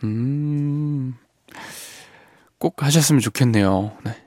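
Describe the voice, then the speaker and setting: A man hosting a radio show in a studio, reading listener messages and reflecting on them in a soft, gentle way that often trails off quietly. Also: medium pitch, takes it slowly, dry recording. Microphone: studio microphone.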